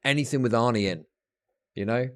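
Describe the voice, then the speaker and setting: A man's voice: mid-range voice, brisk, fairly bright tone. A man hosting a livestream, telling rambling, profane stories in casual chat that build into exasperated rants. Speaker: livestream host.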